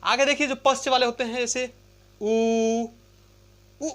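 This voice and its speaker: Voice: high-pitched, flat delivery, fast talker, a bit bright. A Hindi grammar teacher giving an exam-prep lesson from a chart, repeating points, asking and answering their own questions, and stretching out vowel sounds to demonstrate them. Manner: repetitive, asks and answers own questions, addresses listeners as friends.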